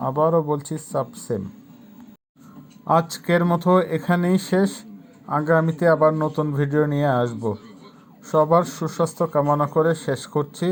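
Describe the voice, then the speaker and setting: A man teaching a vocabulary lesson, saying each word, giving its meaning, and repeating it slowly for pronunciation. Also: fairly high pitch, steady tone. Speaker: language teacher.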